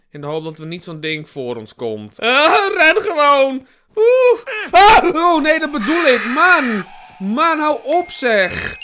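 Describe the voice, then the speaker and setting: High, bright, jumpy young man gaming. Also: slight background noise. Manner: jumpy, yelps and shouts at scares, swears, laughs nervously. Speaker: gaming YouTuber. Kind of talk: horror game let's play commentary.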